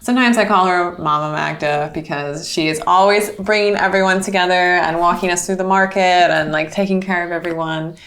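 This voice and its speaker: A woman's voice: lowish voice, steady tone, fairly quick, few pauses, fairly bright tone. A woman hosting a casual interview, bubbly and upbeat. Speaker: host.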